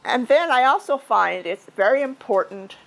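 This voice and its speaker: A woman's voice: on the high side, expressive, normal speed, creaky, a bit bright, low-quality recording. A woman giving an informal, chatty speech at a club meeting, talking conversationally with frequent restarts and asides. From United States.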